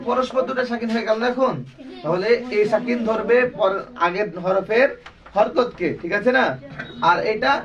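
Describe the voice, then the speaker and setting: Quran teacher, classroom drill style, call-and-response, muffled distant recording over a chattering class. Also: medium pitch. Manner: drills students with repeated questions and call-and-response. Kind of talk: classroom lesson. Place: classroom with students.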